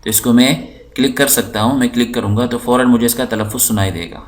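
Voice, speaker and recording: A man with a mid-pitched voice gives a patient, unhurried lesson. He explains step by step as he clicks through his screen and repeats words so that learners can follow. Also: fairly even intonation. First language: Urdu. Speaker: English teacher.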